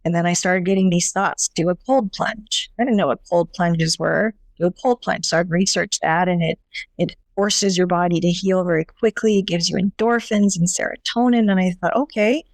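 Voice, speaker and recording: A woman speaking as an interview guest, telling a personal story earnestly and haltingly, often restarting her sentences. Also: fairly low pitch, fairly even intonation, no room sound.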